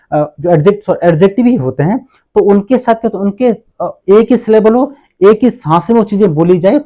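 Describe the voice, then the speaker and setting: Lively man teaching grammar. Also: sits high. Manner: asks rhetorical questions and answers them, repeats words slowly. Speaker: English teacher. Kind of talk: classroom grammar lesson.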